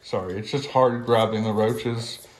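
A man's voice: steady tone, measured pace. Man, casual home vlog, phone-camera sound, faint background noise, chatty and rambling. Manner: chatty, filler-heavy, coaxing pets in a high sing-song voice. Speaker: reptile keeper filming his pets. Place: indoor pet room at home. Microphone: handheld phone camera.

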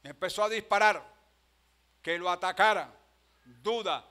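A Venezuelan man preaches a Spanish-language sermon from a church pulpit. His voice sits high for a man and rings bright and forceful. He drops into quiet storytelling, then rises to shouted exhortations to the congregation. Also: a little slow. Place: church sanctuary.

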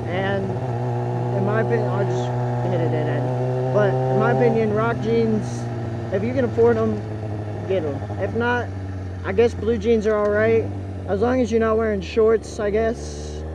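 A young man from Texas vlogging casually from inside a motorcycle helmet, rambling and repeating himself, his voice muffled. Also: high voice. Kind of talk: casual opinion vlog while riding. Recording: muffled helmet mic, loud engine and wind noise.

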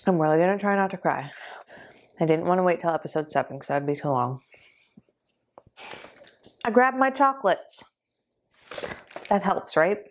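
A woman hosting a reaction vlog, tearful and upset, speaking haltingly and trailing off between heavy sighs. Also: on the low side, expressive, slight background noise. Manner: halting, sighing, trailing off mid-sentence. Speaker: reaction video host.

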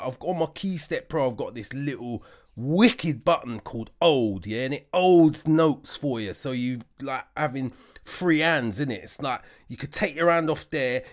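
A man giving a casual music production tutorial, joking around and mocking himself as he goes. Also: mid-range voice. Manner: jokey, slangy, self-mocking.

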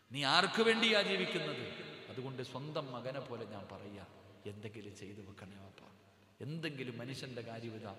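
A man preaching, his voice rising into pleading questions aimed at the crowd. His pitch sits in an ordinary middle range. The sound rings with heavy room echo and a long reverb tail, like a large hall. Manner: emotional, pleading, rhetorical questions to the audience. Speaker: Islamic preacher. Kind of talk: impassioned sermon.

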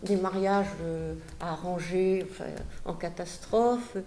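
A woman translator presenting a book to an audience, halting and repeating words with many fillers. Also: on the low side, warm tone, a little hiss or hum. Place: book fair talk.

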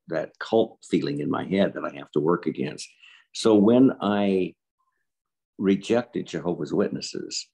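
A man's voice: sits low, gravelly, darkish tone, slightly rough. A man in his seventies, an interview guest, speaking earnestly and reflectively and repeating words for emphasis. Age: 70s. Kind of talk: personal interview.

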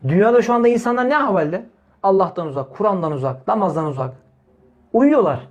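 A man's voice: sits high, animated, fast. Emphatic male preacher repeating his points. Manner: emphatic, repeats key phrases, rhetorical questions; direct, addresses listeners as brothers. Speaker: Islamic preacher. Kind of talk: informal religious talk.

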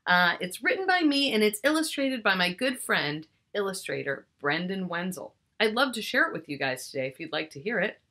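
Reading a picture book to young children indoors in a small furnished room at home, this middle-aged woman stretches out key words and talks to the listener as she goes. She speaks at a medium pitch with big swings, brisk and with few pauses, her tone pushed and bright.

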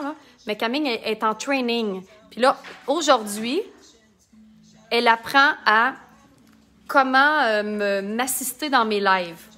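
Chatty Québécois woman, bright voice. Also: on the high side. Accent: Québécois French. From Quebec. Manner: chatty and joking, reading viewer comments aloud. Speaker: makeup artist hosting a live tutorial. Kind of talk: casual live makeup demonstration.

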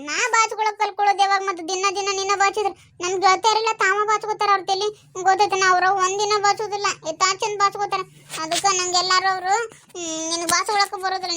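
A woman's voice: extremely high pitch, noisy background. A woman with a North Karnataka Kannada accent playing a boastful, sulky village girl who talks in a whiny way.

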